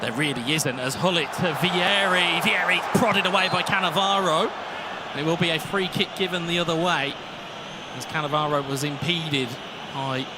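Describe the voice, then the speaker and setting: A man giving live play-by-play commentary on an esports football match, rising to shouts when goals go in. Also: fairly high pitch, heavy background noise.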